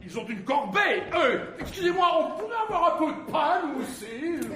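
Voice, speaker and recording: An actor playing an excitable, nosy male friend who stammers and bursts out loudly, in a stage comedy. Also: very high-pitched, normal speed, full character voice. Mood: frantic gossip. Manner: frantic stammering, loud outbursts. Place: theatre stage. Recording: roomy theatre stage with audience.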